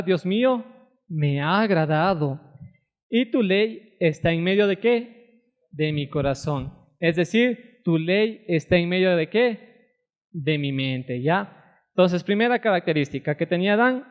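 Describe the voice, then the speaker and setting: A man preaching a Bible study sermon, often pausing to ask the congregation to fill in the next word, and reading verses slowly. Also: high voice, a little mellow, big-room sound. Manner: asks the congregation fill-in questions; reads verses slowly and deliberately.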